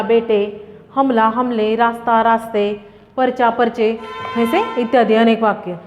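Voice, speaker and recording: A woman teacher explaining grammar to students, asking questions and answering them herself, with many fillers. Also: sits high. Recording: dull lo-fi sound with long reverb.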